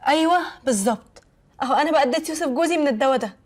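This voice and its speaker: Rapid-fire egyptian wife, anxious and soothing, high-ish voice played by a woman. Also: close to an everyday voice. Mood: worried. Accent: Egyptian Arabic. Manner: soothing, placating. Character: young wife, anxious and eager to please. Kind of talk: TV comedy series acting.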